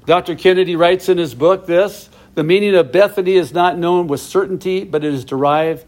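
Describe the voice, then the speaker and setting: A middle-aged man with a fairly high-pitched voice leads a verse-by-verse Bible study. He explains each passage plainly and adds asides to his viewers.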